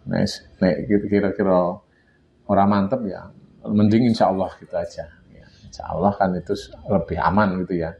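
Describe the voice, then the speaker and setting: Mellow low-voiced Javanese man teaching. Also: steady tone, moderate pace, vocal fry. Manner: chuckles often, acts out everyday dialogue. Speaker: religious teacher. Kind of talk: casual religious teaching to a study group. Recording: dull lo-fi recording with faint hiss.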